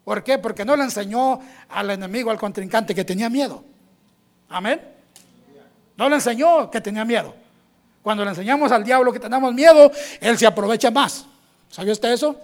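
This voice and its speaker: High-voiced preacher calling hermanos. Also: male voice, fairly quick, pauses often. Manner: preacherly, peppers lines with amén and hermanos, acts out quoted voices. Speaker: pastor. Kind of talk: sermon.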